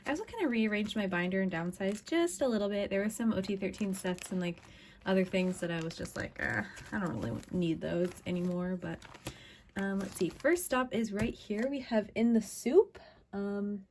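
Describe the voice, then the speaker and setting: A woman's voice: mid-range voice, moderate pace, darkish tone, a little hiss or hum. A young woman in casual chat, upbeat and chatty with lots of fillers, recovering from a cough, talking at her desk at home. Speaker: vlogger.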